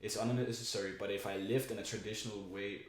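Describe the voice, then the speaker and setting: Talking fast in a lowish, steady voice, a young man chats casually, rambling, swearing and using plenty of fillers. There's faint noise, and the room is very echoey.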